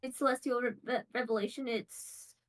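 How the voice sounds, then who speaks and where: A woman with a fairly high voice talks through her character's abilities in a tabletop game. She stumbles and restarts often. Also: fairly even intonation, moderate pace, poor audio. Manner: hesitant, many restarts. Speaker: player. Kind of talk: tabletop role-play chat.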